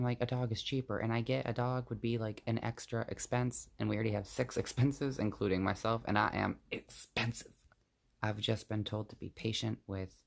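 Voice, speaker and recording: A man's voice: fairly low pitch, gravelly. A young man vlogging, venting to the camera in a rambling, blunt and profane way.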